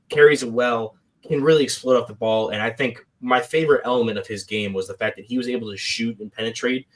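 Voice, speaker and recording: Conversational man in mid-pitch podcast talk. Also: fairly bright tone. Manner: conversational, long run-on explanations with fillers. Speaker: podcast co-host.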